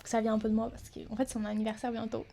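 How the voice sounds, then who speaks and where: A young woman from France co-hosts a casual podcast chat. She talks fast and a little high. She giggles often between her quick sentences. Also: level tone, vocal fry, dark tone. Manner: giggly and chatty, bursts of high laughter. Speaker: podcast co-host.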